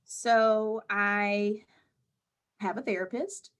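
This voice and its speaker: A woman mental health counselor answering interview questions in a calm, measured, explaining way. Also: mid-range voice, clear, resonant tone.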